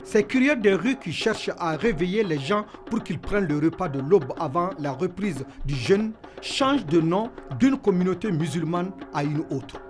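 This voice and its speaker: A man's voice: high voice, animated, normal speed, hardly any pauses. A man reading a formal, scripted documentary narration as a reporter. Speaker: reporter narrating a cultural feature. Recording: music behind the voice.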